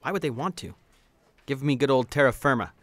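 A man's voice: medium pitch, expressive, brisk, no echo, natural voice. A man voicing a skeptical, pragmatic 1960s ad executive puppet with a dry, dismissive manner. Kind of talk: comedic puppet parody dialogue.

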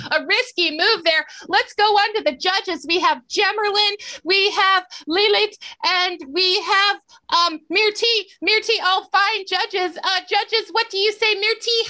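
Bright, high-voiced woman hosting improv. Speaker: improv show host. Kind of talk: live improv commentary.

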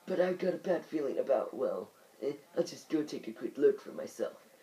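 A man voicing an excitable old male squid captain from a video game, in a hearty, exclaiming old-man voice. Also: medium pitch, normal speed, natural voice. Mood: excited.

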